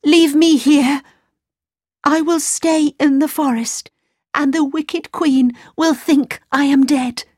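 A woman's voice: high voice, fairly even intonation, slow, darkish tone, no room sound, clean studio sound, voice pushed up. A woman voicing a frightened young princess, pleading in a raised voice.

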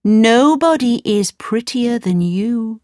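A woman voicing a magic mirror with a whispery, hushed voice. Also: fairly high pitch, lively intonation, slow pace, no room sound, studio quality, voice pushed up.

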